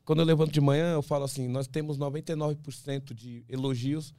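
A man, an ultramarathon runner from Brazil, talking as a podcast guest, animated and full of restarts, acting out what others say. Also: a little high, fast talker, dry recording. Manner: animated storyteller, many restarts, acts out quoted voices. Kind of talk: casual interview talk.

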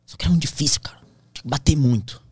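A pilot appearing as a podcast guest tells his survival story, slangy and intense, sometimes dropping to a whisper, in emotional, casual storytelling. His male voice is fairly high, mellow and husky, rapid-fire, with no room sound.

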